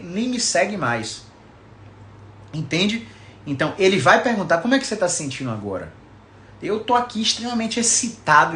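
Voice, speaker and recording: A Brazilian man in his thirties, a physiotherapist giving a casual, emphatic live talk to a few listeners, deliberately shifting his intonation. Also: a little high, a bit bright, reverberant, slight background noise. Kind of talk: informal live talk to a small online audience.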